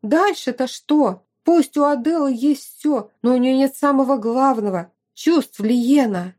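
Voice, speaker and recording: A woman doing a lively, outspoken young girlfriend. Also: high-pitched, unhurried, pitched above the performer's own voice. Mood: insistent. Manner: emphatic, talkative. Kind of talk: audiobook character voice.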